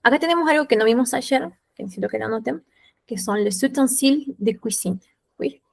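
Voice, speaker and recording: A woman's voice: fairly high pitch, gravelly. Woman teacher, patient French lesson. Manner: slow and patient, repeating each French word and then its Spanish meaning. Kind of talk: online class, explaining vocabulary.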